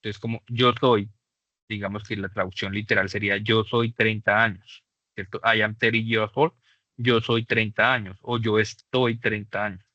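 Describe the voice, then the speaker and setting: A man teaches a beginner English lesson in a fairly low voice. He explains patiently and slows down to model the English examples. The recording is dry and a little dull, like a basic computer mic. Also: little pitch movement, bright, forceful tone, no echo. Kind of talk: online class lesson.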